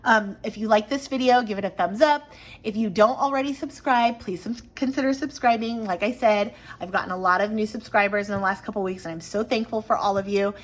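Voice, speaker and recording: A woman's voice: mid-range voice, brisk. A woman in her thirties, chatting casually to camera at home while planning, with a slight frog in her throat and lots of fillers. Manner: chatty, rambling with many fillers. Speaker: planner vlogger.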